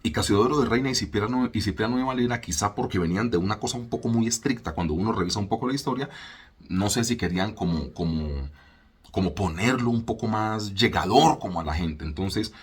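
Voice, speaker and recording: A Colombian man preaching a relaxed, conversational sermon to his congregation. His voice sits low and slightly husky, and he talks in everyday slang, now and then slowing right down to stress a point. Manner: laid-back, colloquial, mimics voices, slows for emphasis. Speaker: church leader. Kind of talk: casual sermon teaching.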